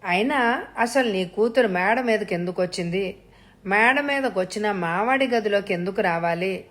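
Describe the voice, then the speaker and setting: A man's voice: sits high, moderate pace, fairly bright tone. A woman voicing a stern middle-aged father who scolds and threatens harshly. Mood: scolding.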